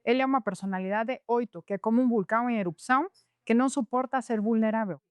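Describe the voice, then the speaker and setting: A woman's voice: on the high side, fast talker, darkish tone, clean tone, no room sound. A woman teaching about personality types in a podcast conversation, explaining patiently and illustrating points with real cases. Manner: explanatory, tells cases with acted quotes. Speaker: Enneagram teacher.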